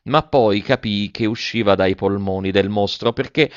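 A man reads a classic storybook aloud in a measured, expressive voice. The recording is dry, with no room echo, and slightly muffled. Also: lowish voice, smooth. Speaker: narrator. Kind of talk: storybook audiobook reading. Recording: dull, dry audiobook recording.

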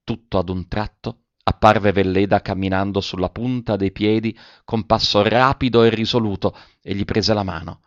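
A man narrating a literary story in a measured, even way. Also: fairly low pitch, dry recording, highs cut off.

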